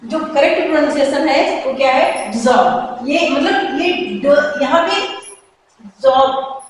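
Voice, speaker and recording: A woman teaching English pronunciation in Hindi, slowly repeating each example word. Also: high voice, slight background noise. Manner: slow, repeats example words with care. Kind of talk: Hindi-medium pronunciation lesson. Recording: echoey room, mic far off.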